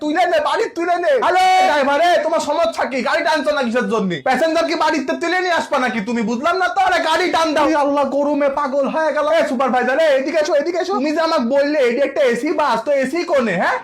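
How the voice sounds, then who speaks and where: A young man, playing a loudmouthed bus passenger in a comedy sketch. He rattles along quickly, scolding and griping, never lowering his volume. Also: crowd noise. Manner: loud, brash, complaining, talks on phone.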